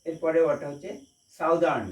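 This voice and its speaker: A man's voice: on the high side, fast talker, a little mellow. A man teaching a grammar lesson in Bengali who spells each English word letter by letter and then repeats it. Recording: echoey room, voice from a distance.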